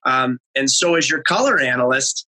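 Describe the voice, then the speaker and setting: A man's voice: medium pitch, lively intonation, normal speed, bright, forceful tone, low-quality recording. A man in his forties hosting a podcast, asking long rambling questions with frequent restarts. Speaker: podcast host, former color analyst. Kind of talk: conversational interview questions.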